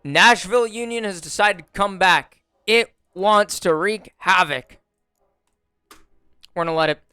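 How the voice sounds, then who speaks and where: A young man giving relaxed, wry commentary on a strategy game simulation, with frequent fillers, recorded close on a desk mic at home. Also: high voice, a little slow, clear, resonant tone, no echo. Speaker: gaming YouTuber. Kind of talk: casual gameplay commentary. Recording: dry close voice over faint music. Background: faint background music.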